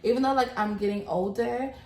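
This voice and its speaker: A woman's voice: a little high, fairly quick, darkish tone. A woman in her twenties chatting casually about getting older, talking with lots of "like" fillers. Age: 20s. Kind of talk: casual chat. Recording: echoey room with faint noise.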